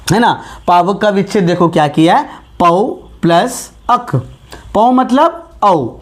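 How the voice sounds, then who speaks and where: A man teaching a grammar lesson, patiently repeating sounds and asking his students questions as he goes. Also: sits high. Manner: slow and patient, repeats key sounds and asks rhetorical questions. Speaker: Hindi teacher.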